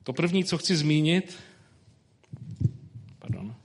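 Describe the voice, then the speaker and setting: Man reading scripture and preaching. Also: fairly high pitch. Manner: reads scripture slowly, then preaches informally with colloquial fillers.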